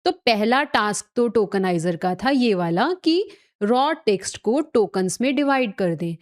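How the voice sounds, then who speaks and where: A woman's voice: mid-range voice, lively intonation, unhurried. A woman teaching a recorded tech lecture, explaining step by step, mixing in English technical terms and often checking that listeners follow.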